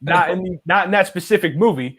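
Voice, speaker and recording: A man's voice: high voice, fairly quick, a crowd in the background. A man hosting a casual live stream, reading viewer comments aloud with many "uh" fillers. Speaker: host.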